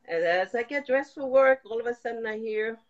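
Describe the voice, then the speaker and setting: An older woman, speaking as a guest, gives a personal faith testimony in a slightly high, slightly fast voice. She tells her story and acts out past conversations, and the lo-fi recording sounds a little dull.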